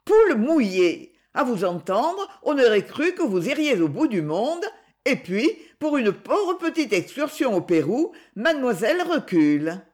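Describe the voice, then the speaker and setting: A woman's voice: sing-song, a little slow, a little mellow. A woman doing a sneering spiteful young woman. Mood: scornful. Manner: sneering, shrill, scornful.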